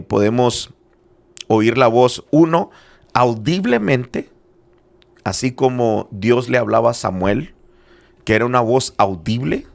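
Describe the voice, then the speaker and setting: A man's voice: medium pitch, gravelly. A middle-aged man, a church apostle, explaining faith matters in an earnest conversational way, with many hesitant fillers. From Spanish-speaking background, living in Arizona.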